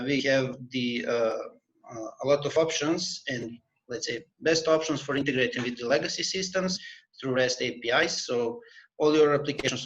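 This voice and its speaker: Halting man presenting online. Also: mid-range voice, fairly bright tone. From Serbia. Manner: halting, many filler sounds and restarts. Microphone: video call. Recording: muffled online call audio.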